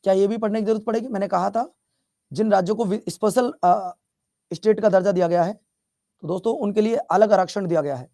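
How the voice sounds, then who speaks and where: High-voiced teacher man, Bihar Hindi accent. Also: brisk, dark tone, no room sound, studio quality. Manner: chatty, repeats questions, scolds playfully. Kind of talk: classroom lecture.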